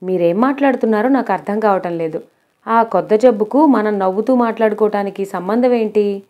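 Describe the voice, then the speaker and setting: A woman's voice: mid-range voice, fairly quick, muffled recording, close to an everyday voice. A woman voicing a naive young female college student who keeps asking bewildered questions. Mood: puzzled.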